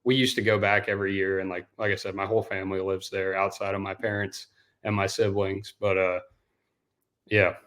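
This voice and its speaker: A young man from Denmark, guest on a casual podcast interview, talking in a relaxed, rambling way and saying dude often. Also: sits low, brisk. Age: young adult. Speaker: guest, professional bass angler.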